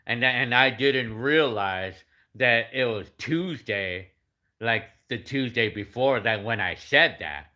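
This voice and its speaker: A man's voice: mid-range voice, takes it slowly, bright, forceful tone. A fifty-year-old man chatting casually as he reads out viewer comments, rambling with many restarts and fillers. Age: 50s. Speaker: YouTube creator answering comments.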